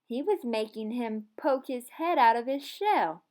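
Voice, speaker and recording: A woman with a fairly high voice speaks as a schoolteacher to students. Her delivery is expressive and encouraging, suited to storybook reading and simple lessons. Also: unhurried. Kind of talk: storybook read-aloud and lesson to camera.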